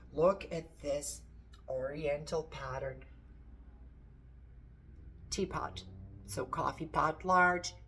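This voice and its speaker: This woman from Portugal, an antiques seller, speaks with a deep voice and a Portuguese accent while showing items from her shop. It's a casual show-and-tell in which she chats enthusiastically and wanders a little. Some hiss or hum sits in the recording.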